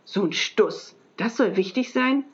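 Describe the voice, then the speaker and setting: A woman reading aloud and voicing a grumpy, stout, strict female schoolteacher in a gruff, scornful voice. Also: medium pitch, lively intonation, unhurried, natural voice. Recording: dull lo-fi recording.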